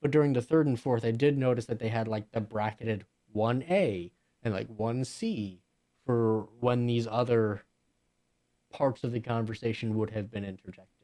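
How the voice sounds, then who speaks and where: Male streamer, relaxed reaction commentary, mid-pitched everyday voice. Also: moderate pace. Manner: casual, musing, thinking aloud. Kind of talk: casual live-stream reaction chat.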